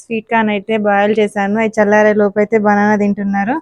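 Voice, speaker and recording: A woman's voice: mid-range voice, completely flat delivery, very fast, darkish tone, dry recording, lo-fi sound. A mother hosts a casual family vlog. She is chatty, leans on filler words, and coaxes and soothes her child. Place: home, indoors.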